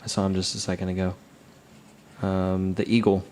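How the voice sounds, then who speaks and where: A co-host chatting casually and reminiscing, relaxed and a little hesitant. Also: low voice, moderate pace. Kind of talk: casual chat.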